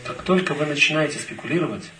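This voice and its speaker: A man interpreting a talk phrase by phrase, quickly following each line. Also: fairly high pitch, lively intonation, a crowd in the background. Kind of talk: consecutive interpreting. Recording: echoey hall, distant mic.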